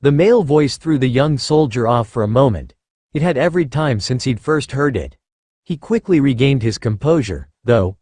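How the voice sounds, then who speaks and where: Animated male fan-fiction narrator. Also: mid-range voice, no room sound, clean studio sound. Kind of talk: reading fan fiction aloud.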